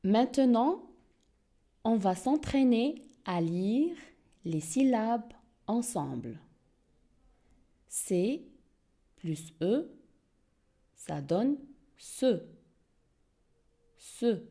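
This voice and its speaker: Slow, animated woman teaching reading. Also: on the high side. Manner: slow, clear, repeats words for pupils to echo. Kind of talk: early-reading lesson for young learners.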